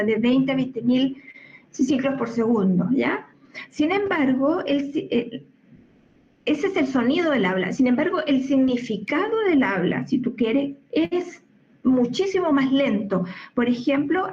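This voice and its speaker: High-voiced woman explaining. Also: a little mellow. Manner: checks in often with listeners. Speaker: language researcher. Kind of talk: explanatory talk. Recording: dull lo-fi recording.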